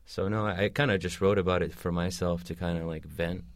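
A young man, a podcast guest, talking haltingly in a casual discussion with many restarts and fillers. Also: low voice, steady tone, dry recording, studio quality. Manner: hesitant, restarting, lots of "like".

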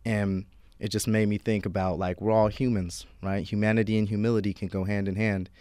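A man's voice: fairly low pitch, flat delivery, brisk, dark tone, clear, resonant tone, dry recording, clean studio sound. A male teacher telling a heartfelt story from his classroom in a casual conversation. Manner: heartfelt storytelling, lots of restarts. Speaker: teacher guest.

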